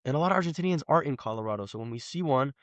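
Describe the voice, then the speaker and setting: A very fast talker with a mid-range voice and lively intonation, this Los Angeles man in his twenties chats casually as a podcast guest. He rambles emphatically and peppers his speech with "like." The recording has no room sound.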